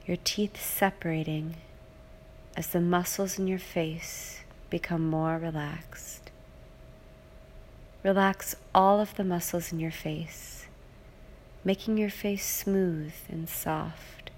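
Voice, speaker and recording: A woman reading a guided hypnosis relaxation script in a slow, soothing, repetitive way, now and then dropping into soft whispers. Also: fairly low pitch, steady tone, slight background noise.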